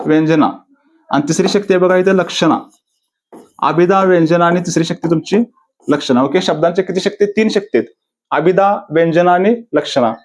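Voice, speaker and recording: A man teaching grammar for competitive exams in a video lecture, repeating each answer as a question-and-answer drill. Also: sits high. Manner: repetitive, quizzing himself with question-and-answer drills; drawn-out, deliberate delivery of quoted verses. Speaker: exam-prep teacher. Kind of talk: classroom-style video lecture.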